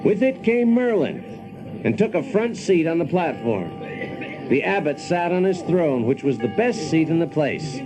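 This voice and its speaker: In a radio drama, a man voices a brash, wry engineer who is both protagonist and narrator, recounting his story in the first person with dry, folksy self-assurance and a self-satisfied air. His voice sits on the high side, sing-song and unhurried. Music plays in the background, and the audio quality is poor.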